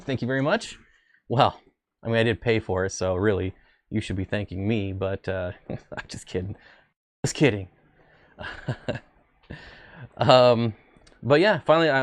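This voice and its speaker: A man chats casually as host of a fish-keeping channel, wandering between topics and cracking self-deprecating jokes. His voice sits in an ordinary middle pitch. The sound is dry and close, with no room around it. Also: dry recording. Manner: rambling, self-deprecating, jokey asides. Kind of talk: casual livestream chat.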